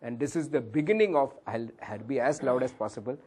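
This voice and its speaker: A man's voice: medium pitch, brisk, a little mellow, husky. A man with an Indian English accent teaching a valuation workshop, whose voice cracks at times; he calls the listeners sir and drops into Hindi phrases. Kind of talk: classroom lecture with audience questions.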